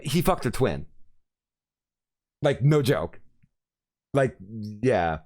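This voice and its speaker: A man's voice: mid-range voice, sing-song, drawn-out words, darkish tone. A man hosting a podcast, chatting casually and rambling through a story with many fillers. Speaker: podcast host. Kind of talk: casual chat.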